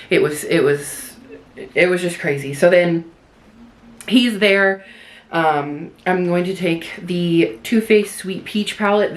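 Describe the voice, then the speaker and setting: A young woman vlogger chatting in a rambling way while doing her makeup, full of likes and restarts. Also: low voice. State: tearful at moments. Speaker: beauty vlogger.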